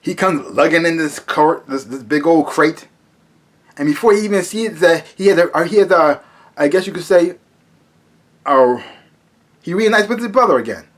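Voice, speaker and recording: A man's voice: on the high side, expressive, moderate pace, long pauses. A man giving a casual, rambling episode recap, repeating words and loosely paraphrasing what the characters say. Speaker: TV show reviewer.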